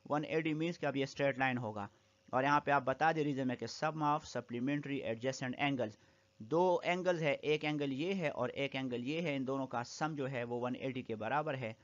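A man with a Pakistani Urdu accent teaching a maths proof step by step, repeating each step in two languages. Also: medium pitch. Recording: dull lo-fi recording.

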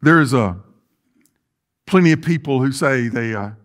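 A middle-aged man serving as pastor delivers a sermon indoors in a big sanctuary with rows of chairs. His medium-pitched voice has lively intonation and a normal speed, and he paces, gestures, and makes earnest restarts.

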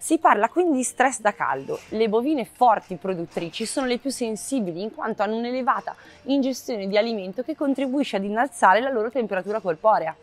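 A young woman in her twenties, a marketing manager, giving a clear, measured scripted explainer to camera outdoors by a cow barn on a lapel mic. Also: a little high, animated, faint music behind. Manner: clear, measured, informative delivery. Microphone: lapel mic, medium framing.

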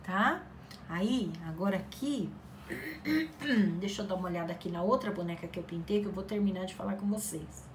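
A woman's voice: mid-range voice, moderate pace. A middle-aged woman chatting casually while she paints, giving encouraging talk and acting out quoted voices. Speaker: craft channel host. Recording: faint background noise.

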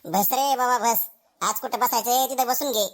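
A woman's voice: fairly high pitch, moderate pace, lightly acted. Woman doing a scolding male teacher, insulting, short-tempered, comedy skit. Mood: indulgent. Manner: scolding, hurling comic insults.

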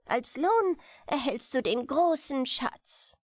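A woman's voice: high-pitched, lively intonation, slow, no room sound, studio quality, voice pushed up. A woman voicing a small, aged, solemn grey dwarf king who pleads earnestly in a German fairy tale. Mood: pleading.

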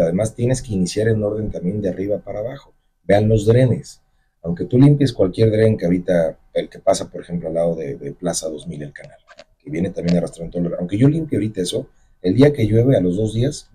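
A man's voice: fairly low pitch, fast, dark tone, husky. A middle-aged man with a Mexican accent, a mayoral candidate answering emphatically in a radio studio on a desk mic. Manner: emphatic, campaign-speech delivery. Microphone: desk microphone on stand.

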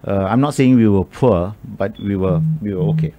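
Brief: middle-aged man from Malaysia, low voice, radio studio guest, thoughtful and halting. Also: dark tone. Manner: thoughtful, halting with many restarts. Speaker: guest, media executive. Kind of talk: radio interview. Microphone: studio microphone on boom.

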